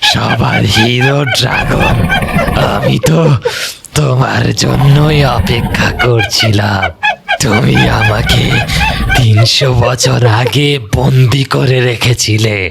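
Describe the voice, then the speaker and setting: A man voicing a menacing, boastful hyena ghost in an animated story, with a gravelly, slow, taunting delivery. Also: medium pitch. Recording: loud music over voice. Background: loud music.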